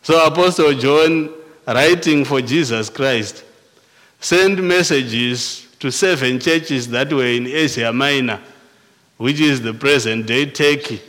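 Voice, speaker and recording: Speaking with a Zimbabwean accent, this pastor delivers his sermon at a measured, unhurried pace, frequently breaking off to restart and repeat words. His voice has a medium pitch and a fairly bright tone, echoing with the long reverb of a church hall.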